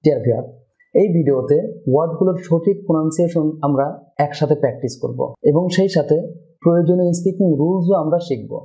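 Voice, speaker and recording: A man giving a scripted pronunciation lesson, often addressing the viewer directly and slowly repeating each word for practice. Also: on the high side, dark tone, faint music behind. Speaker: English pronunciation teacher.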